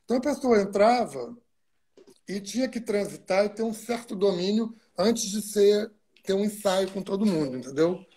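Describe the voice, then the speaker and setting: A man's voice: sits high, lively intonation, moderate pace, mellow, breathy edge. A man from Brazil, a guest stage actor in a video-call interview, recalls his work at length with asides and digressions. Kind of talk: reflective interview storytelling.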